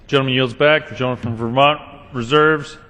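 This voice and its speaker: A man presiding over a legislature, making brisk, formulaic procedural announcements. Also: medium pitch, steady tone, sharp tone. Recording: echoey large chamber, long reverb.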